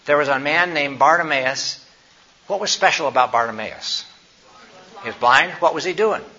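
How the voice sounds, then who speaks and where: A man with a fairly high, bright, forceful voice gives a health education talk to a group at normal speed, prays, tells a Bible story, then quizzes his listeners. The recording is slightly dull with faint noise.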